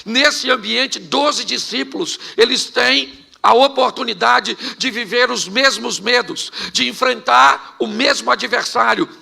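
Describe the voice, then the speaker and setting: Brazilian pastor guy, high tense gravelly voice, cracks jokes and laughs mid sermon. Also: unhurried. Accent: Brazilian Portuguese. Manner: animated, joking, laughs between phrases. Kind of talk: humorous storytelling sermon.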